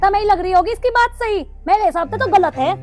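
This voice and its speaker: An actress playing a sharp-tongued, argumentative young daughter-in-law with a Haryanvi accent. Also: female voice, very high voice, quick pace, music in the background.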